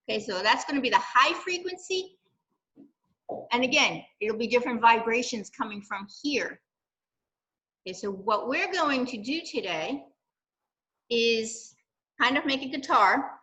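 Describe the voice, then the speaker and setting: Older female library presenter, bright and slightly high, gentle kid-friendly explainer. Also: low-quality recording. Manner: gentle, explaining with frequent "okay" and "right". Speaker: library science program leader. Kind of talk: children's science lesson.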